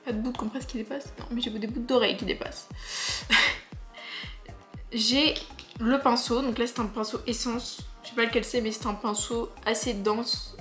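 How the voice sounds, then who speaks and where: In an echoey room with faint music playing, a young woman vlogger talks her way through a casual makeup tutorial with jokes and plenty of fillers. Her slightly high, a bit bright voice keeps a fairly even intonation and moderate pace.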